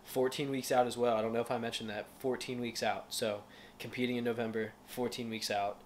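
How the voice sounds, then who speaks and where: A man's voice: mid-range voice, flat delivery, brisk, slight background noise. A man in his twenties talking casually to his phone camera as a fitness vlogger, laid-back, upbeat and full of slang. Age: 20s. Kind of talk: casual vlog talk to camera. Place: car, restaurant and home kitchen.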